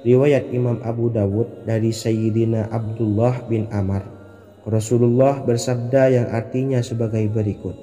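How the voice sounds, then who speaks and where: A man giving scripted religious narration, in a measured way and reciting Arabic phrases. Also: mid-range voice, steady tone, mellow. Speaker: Islamic devotional narrator. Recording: long hall reverb, faint music.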